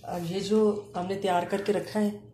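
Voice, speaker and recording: A woman explaining a home cooking recipe step by step, pausing often as she works in a kitchen. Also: mid-range voice. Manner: calm step-by-step explaining with frequent hesitations. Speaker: cooking channel host. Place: home kitchen counter, indoors. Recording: echoey room with faint ambient noise.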